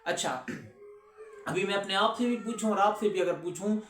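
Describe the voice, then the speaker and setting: Guy teaching recitation, stretches verses out slow, asks students stuff, echoey. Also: high-pitched, fairly bright tone, slight background noise. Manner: slow drawn-out recitation of verses between quick explanations. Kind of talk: recorded lesson with slow recitation.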